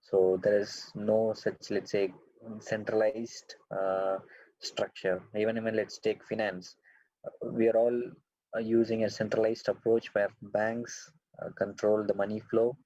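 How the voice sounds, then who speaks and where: A man gives a webinar presentation over a video call. His voice is low and mellow with very little rise and fall, and he talks haltingly, full of fillers and restarts. The audio is dry and dull, like lo-fi call sound. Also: little pitch movement, dry recording. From India. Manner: hesitant, many fillers and restarts. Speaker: webinar speaker. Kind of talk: webinar talk.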